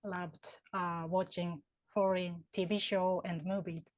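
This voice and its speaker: This HR consultant and career counselor has a Japanese accent and a fairly low, level voice. She talks slowly in a recording with no echo, giving thoughtful answers to interview questions full of fillers and restarts.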